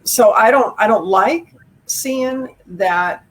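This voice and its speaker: A woman's voice: fairly high pitch, slow, fairly bright tone, rough recording. Frank, opinionated middle-aged woman. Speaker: author guest. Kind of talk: conversational live video interview. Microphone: video call.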